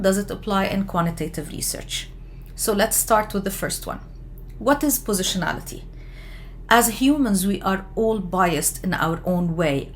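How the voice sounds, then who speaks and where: Measured woman explaining research, from Lebanon. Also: mid-range voice, a little hiss or hum. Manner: measured, with frequent fillers and self-corrections. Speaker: education lecturer. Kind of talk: explanatory lecture.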